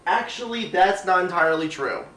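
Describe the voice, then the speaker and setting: A man with a high voice hosts a scripted comedic game review. He is recorded at a distance from the microphone in an echoey room. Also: moderate pace.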